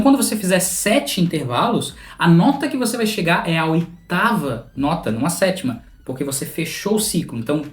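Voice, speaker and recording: Brief: Brazilian-accented music teacher, patient and methodical, reverberant room with a soft drone behind. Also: medium pitch. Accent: Brazilian Portuguese. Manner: patient, methodical, speaks directly to the viewer. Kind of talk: explanatory music theory lesson. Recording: roomy sound with a faint instrumental drone.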